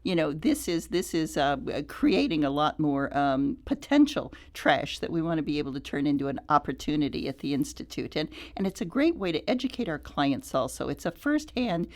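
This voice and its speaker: A woman being interviewed on the radio as head of a nonprofit, speaking thoughtfully and haltingly with many restarts. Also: low-pitched, very animated, darkish tone. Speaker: nonprofit CEO, guest.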